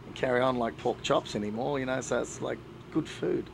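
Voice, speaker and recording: A middle-aged man, telling stories in a relaxed way in a backstage interview, full of "you know" fillers. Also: mid-range voice, fairly quick, vocal fry, background noise. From New Zealand. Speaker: band singer. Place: backstage at a music festival.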